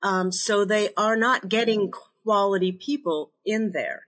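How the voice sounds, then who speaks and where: A woman from Chile, a podcast guest talking in an earnest, measured way in casual conversation. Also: medium pitch, a bit bright. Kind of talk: casual interview chat.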